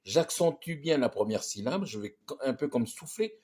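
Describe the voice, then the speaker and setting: A man teaching English pronunciation in French, talking in a halting way with many restarts and checks like "ok?". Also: medium pitch, sing-song, a little mellow, breathy edge. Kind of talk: casual spoken lesson.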